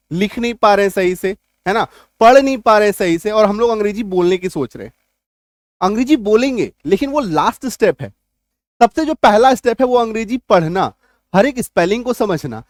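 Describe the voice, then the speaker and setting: A man teaching an English spelling lesson, explaining step by step, spelling words out slowly and loudly, and often asking whether the class is following. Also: high-pitched, dry recording. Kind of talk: spoken language lesson.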